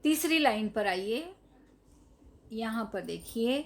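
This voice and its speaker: A woman teaching Hindi to young children in a recorded lesson, saying each word slowly, repeating it and explaining what it means. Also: a little high, animated. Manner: slow, drawn-out, repeats each word and its meaning; addresses the children directly, asking them to say the word. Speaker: primary school Hindi teacher.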